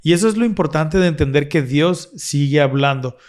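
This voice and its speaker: A man's voice: fairly high pitch, a little fast. A man co-hosting a casual religious discussion, explaining earnestly and restarting his phrases often. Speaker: podcast co-host.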